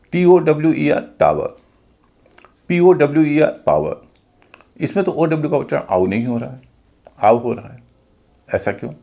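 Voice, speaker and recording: A man with an Indian accent teaching English pronunciation in a video lesson, spelling out letters slowly before saying each word. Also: medium pitch, creaky, mellow.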